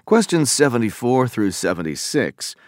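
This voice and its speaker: A man reading scripted listening test instructions and questions in a formal, deliberate way. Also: medium pitch, very animated, no echo, studio quality.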